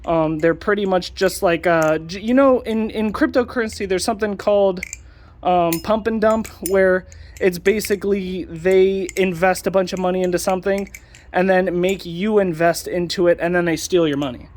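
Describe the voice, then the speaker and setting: A man's voice: high-pitched, fairly even intonation, normal speed, darkish tone. A young man hosting his own channel, ranting casually with sarcasm and lots of ums and uhs. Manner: ranting, sarcastic, many fillers. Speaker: channel host. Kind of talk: casual commentary vlog.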